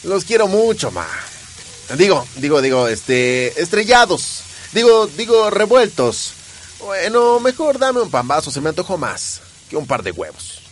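Man playing young male slacker, Mexican accent, flustered, evasive, stammering, swooping highish pitch, comic radio drama. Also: big pitch swings, unhurried, a little hiss or hum.

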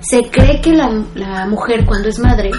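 A woman speaking in a thoughtful, measured way in a casual conversation. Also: on the high side. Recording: echoey room with music behind.

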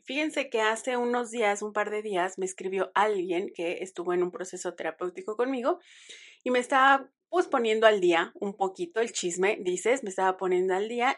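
Chatty Mexican woman hosting a podcast. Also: medium pitch. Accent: Mexican Spanish. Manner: chatty and expressive, self-mocking. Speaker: podcast host. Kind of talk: casual chat.

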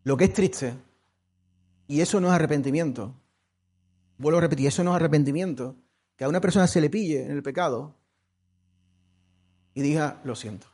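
A pastor preaching a sermon, repeating key phrases and swinging between hushed and loud passages. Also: male voice, fairly high pitch, brisk, long pauses, breathy edge. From Spain. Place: church.

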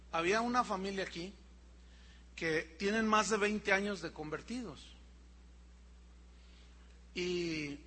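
Male pastor, high husky voice, bright tone, storytelling sermon with quoted voices.

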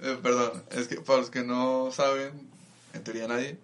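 A man's voice: mid-range voice, flat delivery, normal speed, a bit bright. A young man with a Mexican Spanish accent, co-hosting a podcast in slangy casual chat, teasing and joking, speaking into a tripod mic. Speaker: podcast co-host.

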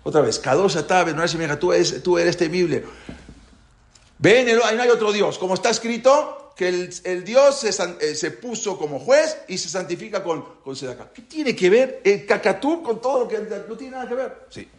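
A man teaching a religious class, talking in an animated way and asking rhetorical questions. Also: high-pitched, moderate pace. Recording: roomy echo.

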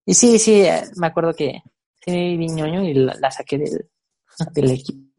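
A young woman with a Mexican accent, telling stories in a relaxed, casual chat full of fillers. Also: low-pitched, moderate pace, creaky. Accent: Mexican Spanish. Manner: relaxed storytelling with many fillers.

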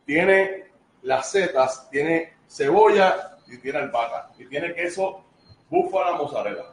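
Deadpan joking chef. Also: male voice, fairly high pitch, slow pace. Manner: dry joking, deadpan quips. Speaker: chef on a radio show. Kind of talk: casual chat on a radio show. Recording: roomy echo.

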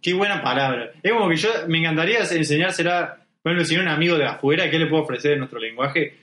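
A man's voice: fairly high pitch, fast, a bit bright. Young Argentine man, agreeable, echoey room. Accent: Argentine Spanish. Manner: agreeable, backchannels often. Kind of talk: casual chat.

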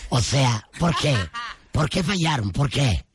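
Dude on air, bouncy voice, joking around in slang. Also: male voice, medium pitch, expressive, takes it slowly, breathy edge. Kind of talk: casual radio banter.

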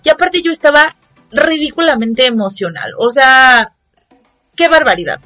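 Young Mexican woman, vlogger, high-ish voice, dramatic and expressive, faint music under her. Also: moderate pace. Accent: Mexican Spanish. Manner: expressive, dramatic, acts out quotes in mocking voices. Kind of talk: casual storytelling vlog.

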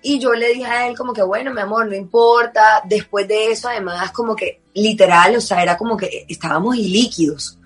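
A woman's voice: mid-range voice, fairly quick, hardly any pauses, faint music behind. A Colombian woman in her thirties telling a personal story in a casual, emotional way, full of filler words.

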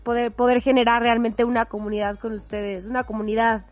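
A young woman co-hosts a podcast, speaking in a slightly high voice. She is chatty and effusive, and she laughs often. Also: level tone, brisk, faint music behind. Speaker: podcast co-host. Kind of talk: casual chat.

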